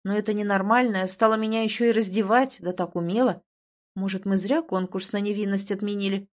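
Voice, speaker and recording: A woman narrates a first-person audiobook with a lively, wry delivery. Her pitch is middling and her reading stays brisk and expressive.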